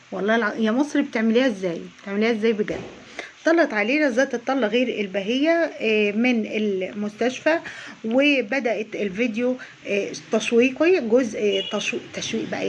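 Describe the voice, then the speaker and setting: Egyptian woman ranting fast in a reaction vlog, kinda high voice, mocking and chatty, dull lo-fi sound. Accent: Egyptian Arabic. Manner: mocking, chatty, addresses viewers directly. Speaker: YouTube reaction vlogger. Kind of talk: casual sarcastic reaction commentary.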